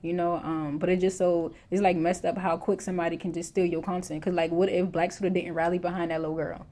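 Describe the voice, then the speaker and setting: A woman from the South Carolina Lowcountry with a Gullah Geechee accent, chatting casually in colloquial dialect. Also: little pitch movement, quick pace, mellow. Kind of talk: casual conversation.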